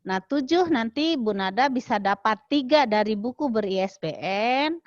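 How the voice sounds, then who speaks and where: A woman's voice: a little high, lively intonation, normal speed, no room sound. A woman leads an online workshop, walking her listeners through the rules with a chatty, encouraging manner. Her voice is very dry, and it comes through a dull, muffled video call line. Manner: explains step by step, chatty and encouraging. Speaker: workshop presenter. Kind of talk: online training lecture.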